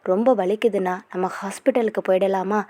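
A woman's voice: mid-range voice, steady tone, fairly quick, warm tone, dry recording, natural voice. A woman voicing an earnest young man who comforts his family and scolds his brother, in a storybook reading. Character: young man, caring but quick-tempered brother.

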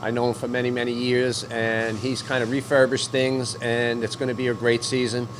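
A man's voice: medium pitch, completely flat delivery, normal speed, noisy background. An older man hosting a fishing report on location, chatting casually with many fillers into a handheld mic. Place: outdoors at docks, then inside a deli.

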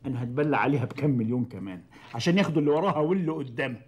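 A man's voice: medium pitch, rapid-fire, breathy edge, natural voice. An actor playing an angry, vengeful man betrayed by a woman, in a TV drama. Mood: bitter. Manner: agitated, indignant outbursts. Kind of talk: TV drama acting.

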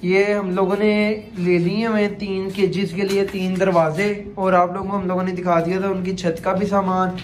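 Filming himself on a phone held at arm's length, a young Pakistani Punjabi-accented man chats casually to camera beside roads, brick yards and shops. He speaks in a high, level voice at a moderate pace with few pauses, over clear outdoor traffic and background noise.

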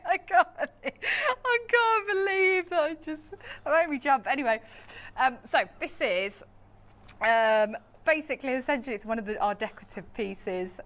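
A woman's voice: sits high, expressive, normal speed, fairly bright tone. A British woman, around her thirties, presenting as a home shopping host in chatty, informal, rambling and giggly live sales banter. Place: TV studio.

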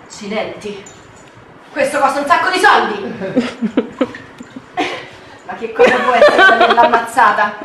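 A heavily reverberant, noisy home video captures a woman from some distance. She has a high voice and a Roman accent. Her talk is playful, improvised banter. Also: very animated, moderate pace, long pauses. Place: echoey indoor room at home. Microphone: distant handheld camera microphone. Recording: very echoey, noisy, far-off camera mic.

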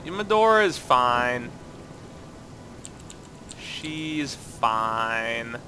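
A man's voice: medium pitch, sing-song, drawn-out words, noisy background. A man with a stuffy, congested voice, playing a co-op game and joking with his friend in casual banter. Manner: joking, playful, self-mocking. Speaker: co-op gameplay commentator.

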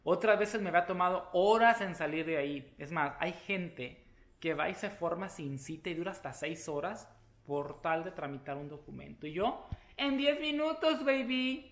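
A man vlogger telling a story to the camera in a casual, chatty way, animated and playful, with sudden loud exclamations. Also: on the high side, normal speed, roomy sound. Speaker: beauty vlogger.

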